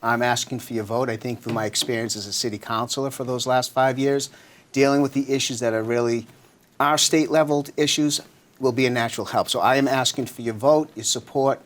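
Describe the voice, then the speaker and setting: A man's voice: medium pitch, fairly even intonation, a little fast. A man speaking as a local politician being interviewed, informal and conversational with frequent filler phrases. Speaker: city councilor running for state representative, interview guest.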